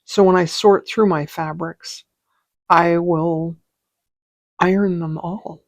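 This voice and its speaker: Slow, gravelly-voiced woman teaching stitching. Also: on the low side, steady tone, no room sound. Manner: rambling, chatty, thinks aloud. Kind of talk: casual craft tutorial.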